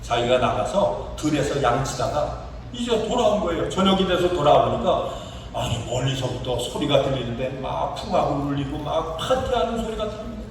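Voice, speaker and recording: Man, pastor, animated sermon, voices the story's characters, echoey church hall, picked up from afar. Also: a little high, normal speed, distant mic, slight background noise. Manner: lively, rising and falling emphasis. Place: church sanctuary.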